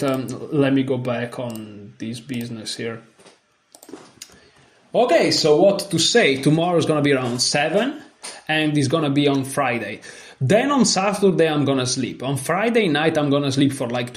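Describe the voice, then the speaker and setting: A man talking casually to his viewers about his chess tournament, chatty and self-deprecating, sounding worn out. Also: fairly high pitch. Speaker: chess vlogger. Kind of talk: casual vlog commentary.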